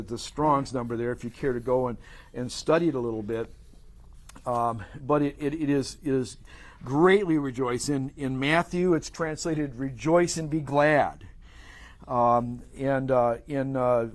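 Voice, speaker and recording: A man's voice: medium pitch, a little mellow. A man teaching a Bible study class, talking off the cuff with many restarts and fillers.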